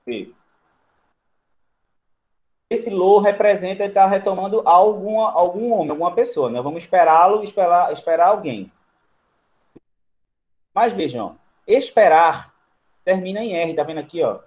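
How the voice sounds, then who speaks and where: Brazilian male teacher, slightly high voice. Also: normal speed, long pauses, a little mellow, highs cut off. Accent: Brazilian Portuguese. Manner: explains step by step, often checks in with the class; writes on a board while talking. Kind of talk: grammar lesson.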